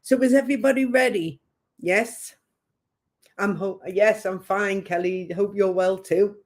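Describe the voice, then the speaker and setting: A woman's voice: mid-range voice, a little slow. A woman with a light northern English accent with a touch of Geordie, hosting a psychic reading live stream in a chatty, rambling way and laughing often. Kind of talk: casual live-stream chat.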